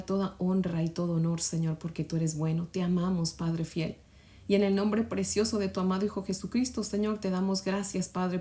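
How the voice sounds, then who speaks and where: Woman devotional host, fervent prayer and Bible teaching, warm mellow tone. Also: on the low side. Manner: fervent, repeats "Señor" between phrases; prayer ends in a soft whisper.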